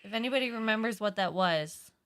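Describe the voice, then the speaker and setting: A woman's voice: mid-range voice, a little fast, a bit bright. A woman co-hosting a live stream, casually reading chat comments aloud and teasing her co-host.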